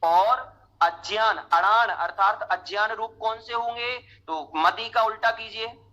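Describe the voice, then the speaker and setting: A young man teaching a scripture class, explaining slowly and chanting verses line by line for students to repeat. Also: high-pitched, bright, forceful tone, low-quality recording. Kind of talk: scripture lesson with chanted recitation.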